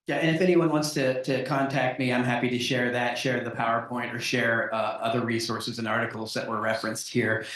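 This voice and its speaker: A man's voice: medium pitch, little pitch movement, brisk, few pauses, a bit bright. A man hosting an online talk, speaking conversationally with many "right?" tags and restarts before opening the floor to questions. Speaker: host and moderator. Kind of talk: webinar talk and Q&A moderation. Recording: very echoey room, distant from mic.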